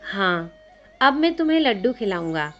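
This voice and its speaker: A woman's voice: medium pitch, sing-song, normal speed, natural voice. A woman voicing a playful, teasing young man with a divine air, in a narrated devotional story. The recording sounds slightly dull, with faint music behind. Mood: tender. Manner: teasing, coaxing.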